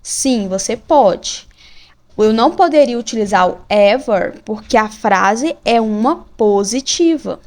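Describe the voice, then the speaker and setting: A woman teaching English grammar, explaining exercises slowly and reading the example sentences with care. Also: a little high, animated, a little mellow. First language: Portuguese. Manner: slow, careful, reads examples deliberately.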